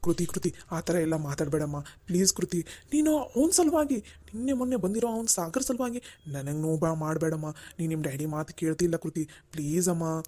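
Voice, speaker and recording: Man voicing a rich cartoon dad, proud, stubborn, mellow dark voice, middle-aged. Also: a little high, little pitch movement, normal speed, close to an everyday voice. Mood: pleading. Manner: pleading then indignant. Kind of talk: Kannada cartoon voice acting.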